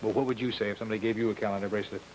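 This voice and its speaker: An actor playing a patient, wryly affectionate father and store manager in a 1950s drama, brisk and mildly exasperated. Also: fairly low pitch, fairly even intonation, a little mellow, natural voice. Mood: indulgent. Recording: noisy 1950s broadcast recording.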